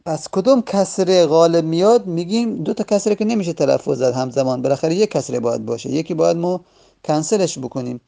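A man teaching a grammar lesson with a gravelly, slightly raised voice. He goes patiently, saying each word form again and again, and his pace stretches and rushes unevenly. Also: fairly high pitch, warm tone. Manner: patient, repeats word forms several times.

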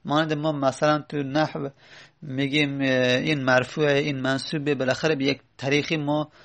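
A man teaching a textbook lesson, explaining slowly and spelling out letters and word roots. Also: medium pitch, flat delivery, vocal fry, a bit bright. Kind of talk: textbook lesson on hadith terminology.

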